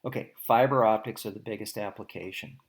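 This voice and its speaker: A man with a lowish voice teaches a physics lesson while drawing diagrams. He talks conversationally, says "okay" often, and corrects himself quickly.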